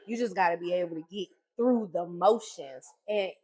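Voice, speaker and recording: A woman's voice: lowish voice, normal speed, darkish tone, slightly rough, low-quality recording. A middle-aged woman, a restaurant owner co-hosting a casual chat, talking bluntly and teasing.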